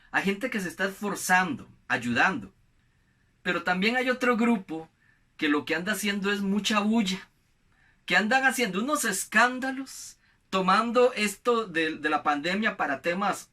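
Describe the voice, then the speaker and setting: A male preacher giving a sermon, telling a scripture story in a lively way and acting out the voices he quotes. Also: high-pitched.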